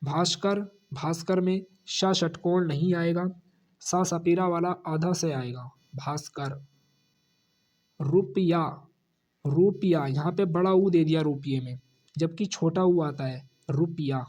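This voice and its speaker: A man with a Hindi accent leads a spelling lesson for exam students, repeating each corrected word and dropping low on the answer. He speaks a little slowly, with a slightly mellow voice.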